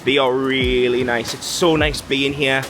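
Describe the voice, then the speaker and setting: Aboard a cruise ship, moving across outdoor decks and corridors, a young man vlogs casually, poking fun at himself, laughing often and sometimes out of breath. His mid-range voice is flat and unhurried, with music in the background.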